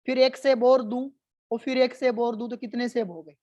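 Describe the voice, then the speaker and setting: A woman voicing a stern male schoolteacher who quizzes a pupil, asking slowly and patiently before growing exasperated. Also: a little high, steady tone, darkish tone, dry recording, dull audio, lightly acted. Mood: questioning.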